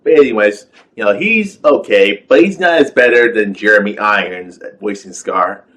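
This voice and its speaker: A man's voice: fairly low pitch, expressive, moderate pace, a bit bright, rough recording. A man giving a rambling, casual rant as a film reviewer, full of fillers and exasperated rhetorical questions.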